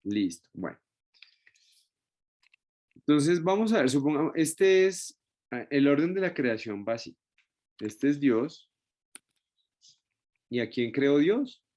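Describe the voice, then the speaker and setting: A man's voice: fairly high pitch, animated, slow pace, pauses often, darkish tone. A man teaching a Bible study class, explaining step by step and often checking in with his listeners through short tag questions. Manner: explains step by step with many restarts. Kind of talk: Bible study lesson with a shared screen.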